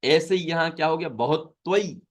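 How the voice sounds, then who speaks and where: A man's voice: on the high side, normal speed. A man teaching an online class on Sanskrit sutras, patiently explaining and repeating each term. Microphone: video call.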